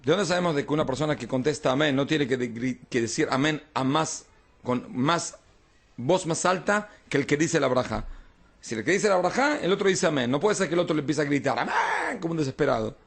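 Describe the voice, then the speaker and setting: Rabbi guy teaching talmud, gravelly voice, keeps asking if everyone follows. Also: on the high side, very animated, a little fast. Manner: explains texts, often checks understanding with "¿hon?". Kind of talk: informal Talmud class.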